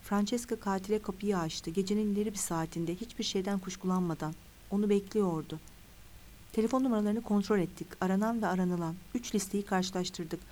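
A woman's voice: medium pitch, brisk, darkish tone, lightly acted. A woman reading as an insistent woman investigator. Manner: insistent, lecturing.

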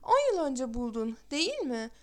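A woman's voice: high-pitched, sing-song, moderate pace. A woman voicing a grieving beggar mother in a storybook reading, pleading and tearful as she speaks. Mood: anxious. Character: grieving beggar mother searching for her son.

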